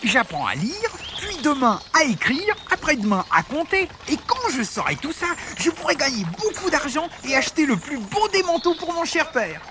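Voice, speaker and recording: A man voicing an eager young wooden boy puppet in a storybook reading, in a lively, high-pitched voice. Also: normal speed, hardly any pauses, background noise, full character voice. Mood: dreamy.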